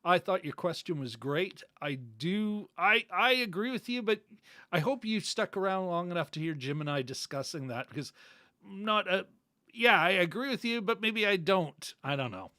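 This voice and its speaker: A middle-aged man with a slightly high voice hosts a casual live chat, rambling and restarting his sentences. The sound is dry and close, with no room echo. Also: animated, moderate pace, sharp tone. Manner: rambling, many fillers and restarts. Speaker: podcast co-host. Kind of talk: casual livestream sign-off chat.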